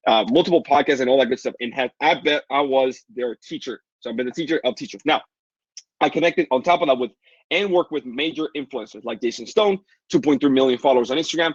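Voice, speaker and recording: A young Dominican man, a native Spanish speaker with a matching accent, coaches an online marketing webinar live, pushing a hyped sales pitch packed with fillers. His mid-range voice is slightly rough, and the lo-fi recording sounds dull and dry, with no room sound.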